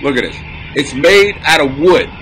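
A man in his forties ranting loudly on a live stream from a small room at home, recorded by a webcam at his desk, crude, laughing, swinging from shouting to mumbling. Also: on the high side, animated, normal speed, background noise. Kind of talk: rambling live-stream comedy rant.

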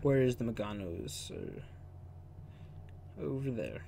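A man's voice: medium pitch, big pitch swings, slow pace, creaky, warm tone. A sarcastic, joking man giving casual, sweary commentary as he plays through a game. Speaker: gamer commentating on his playthrough. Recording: faint noise and game sound behind. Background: video game sounds.

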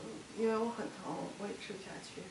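Halting woman in an echoey, noisy room. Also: mid-range voice, steady tone, recorded from a distance. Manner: halting, repeats words, restarts often. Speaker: interviewee. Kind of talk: recounting an ordeal in an interview.

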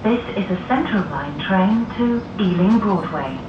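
A woman's prerecorded train announcements, spliced together word by word, played over a carriage loudspeaker in measured, even phrases. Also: dull audio. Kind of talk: recorded transit announcements. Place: inside a moving underground train. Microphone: carriage loudspeaker captured by a distant recorder. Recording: echoey distant loudspeaker with train noise. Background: rumbling train noise.

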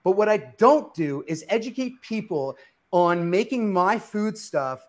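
Emphatic high-voiced chef teaching in a kitchen. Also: male voice, animated, unhurried. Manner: emphatic, preachy, asks and answers his own questions. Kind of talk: live cooking demonstration. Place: home kitchen studio.

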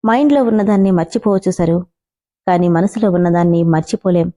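A woman's voice: lowish voice, quick pace, warm tone, close to an everyday voice. A woman voicing a heartbroken, stubborn young man who insists he is right, in a spoken storybook. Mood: sorrowful. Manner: pained, insistent.

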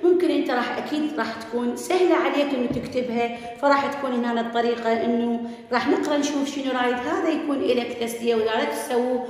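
High-voiced woman teacher with an Iraqi accent. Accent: Iraqi Arabic. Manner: slow, drawn-out repetition of English words. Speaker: English teacher. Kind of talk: classroom lesson for children. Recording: very echoey hall, voice from far off.

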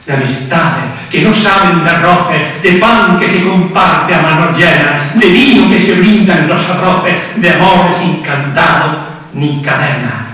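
An older man with an accent from Spain solemnly recites a poetic religious proclamation, declaiming in measured phrases with dramatic pauses. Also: a little high, bright, forceful tone. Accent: Spanish from Spain. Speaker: festival proclamation speaker (pregonero). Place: on stage in a large theatre. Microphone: podium microphone, recorded from far off. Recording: distant, echoing theatre hall with long reverb.

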